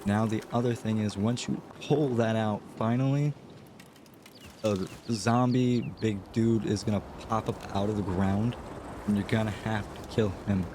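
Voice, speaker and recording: A man's voice: fairly low pitch, little pitch movement, moderate pace, background noise. A man with a cold and a nasal, stuffy voice, giving a casual game walkthrough voice-over with unsure, hedging asides. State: congested from a cold. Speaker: gaming channel host.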